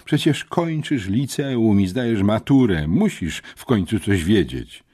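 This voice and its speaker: A man's voice: fairly low pitch, sing-song, unhurried, mellow, breathy edge, pitched above the performer's own voice, heavily acted. A man voicing an anxious, eager teenage boy in an audiobook, pressing urgently. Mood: pleading. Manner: urgent, pleading. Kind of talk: audiobook character voice.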